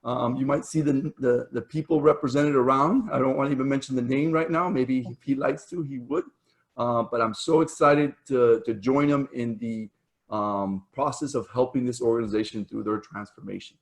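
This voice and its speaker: A man's voice: medium pitch, fairly even intonation, moderate pace, vocal fry. A man hosting an online community meetup over a video call, chatty and full of fillers, saying he is losing his voice. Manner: chatty, with fillers and self-corrections. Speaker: meetup host.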